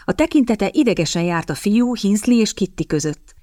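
A woman reading an audiobook in a measured, even scripted narration, recorded close on a studio mic. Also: medium pitch, dry recording.

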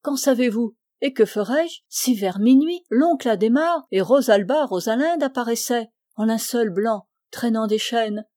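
A woman's voice: a little high, lively intonation, unhurried, few pauses, dark tone, dry recording, clean studio sound. A woman reading a teasing young woman. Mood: playful. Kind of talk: audiobook dialogue reading.

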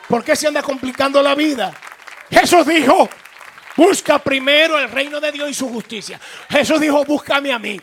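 A man preaching a sermon as a pastor, with emphatic, animated delivery and acted-out quotes to his congregation. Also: extremely high pitch, normal speed, a faint crowd, slight background noise. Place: church sanctuary.

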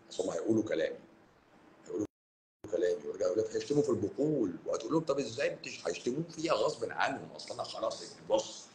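Fast-talking Cairene doctor, roomy echo. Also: male voice, low voice. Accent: Cairene Egyptian Arabic. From Egypt, Cairo. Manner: animated, scolding and joking with viewers. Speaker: doctor hosting a live stream. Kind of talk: casual live-stream talk to viewers. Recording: roomy echo, faint background noise.

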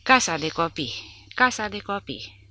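A woman's voice: deep voice, animated, bright, forceful tone. A woman voicing a panicked, half-mad old male guard in an audiobook, repeating the same cry over and over.

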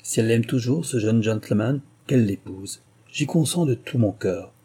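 A man reading an audiobook and voicing an old male gentleman who speaks deliberately and formally. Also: medium pitch, breathy edge. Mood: grave.

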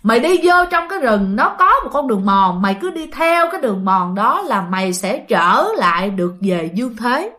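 A fierce, fanged old hag with a Southern Vietnamese accent, spitting curses and threats in a spoken ghost story, as a woman narrator puts her on. The voice rides high and bright, leaping about in pitch. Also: very animated, normal speed, hardly any pauses. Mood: commanding. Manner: snarling, cursing threats.

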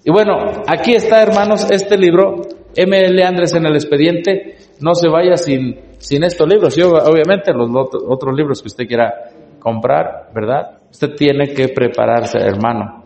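A man's voice: a little high, a little slow, a little mellow. A man lecturing a live church audience on church history, urging and talking straight to his listeners. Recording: echoey hall with long reverb.

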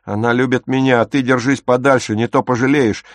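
A man shouting as a furious teenage boy brawler. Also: medium pitch, steady tone, a little fast, dry recording, voice pushed up, lightly acted. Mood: angry, shouting. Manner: yelling, taunting.

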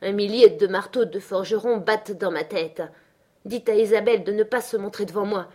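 A woman voicing a proud, quick-tempered young woman in an audiobook, scornful and dramatic. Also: medium pitch, a little mellow, lightly acted. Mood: agitated. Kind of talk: audiobook character reading.

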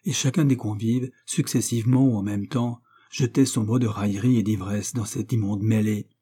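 A male narrator reading a classic novel with measured, expressive pacing. His voice is dark and mellow with a husky grain, and he gives the prose a steady, theatrical sweep. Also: on the low side. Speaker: audiobook reader. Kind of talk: literary audiobook narration.

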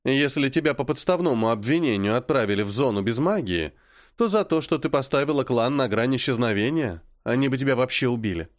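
Cool, scolding older sister, voiced by a man, dry and steady. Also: medium pitch, a little fast, dry recording, lightly acted. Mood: stern. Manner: cool, lecturing, sharp.

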